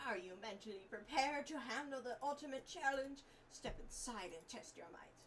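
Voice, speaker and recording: Woman voicing a calm, wise old martial arts master. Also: high-pitched, normal speed, voice pushed up. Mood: stern, instructing. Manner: calm, solemn, formal teacher. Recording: fan noise, distant mic.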